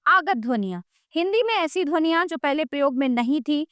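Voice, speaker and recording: A woman's voice: sits high, animated, a little fast, fairly bright tone, no room sound, studio quality. A woman teaching a grammar lesson, explaining patiently and often checking in with the listener.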